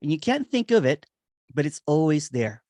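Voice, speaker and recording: A man giving a meditative spiritual reflection on nonduality, repeating phrases and chuckling softly now and then. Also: a little high, big pitch swings, moderate pace, no room sound, clean studio sound. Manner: meditative, repetitive, with soft chuckles. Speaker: nonduality speaker. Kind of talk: slow spoken spiritual reflection.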